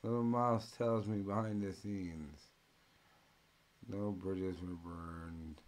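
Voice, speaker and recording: A man ranting in mocking commentary as the host, full of profanity and loud mimicking bursts. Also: low-pitched, fairly even intonation, takes it slowly.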